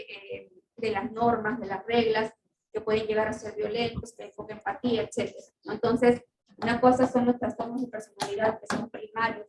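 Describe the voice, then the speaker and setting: A fairly high-voiced woman lectures on psychiatry in a patient, explanatory way, often tagging lines with a quick check to her listeners. The voice sits back from the mic in a roomy space, with a faint hiss underneath. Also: darkish tone, distant mic. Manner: explanatory, with frequent checking tag questions. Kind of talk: recorded class lecture.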